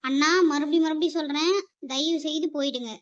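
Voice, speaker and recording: A woman's voice: high voice, steady tone, a little fast, close to an everyday voice. A young woman playing a younger sister who protests and pleads against her strict brother. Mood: protesting, pleading. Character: defiant teenage sister scolded by her brother. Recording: dull lo-fi recording.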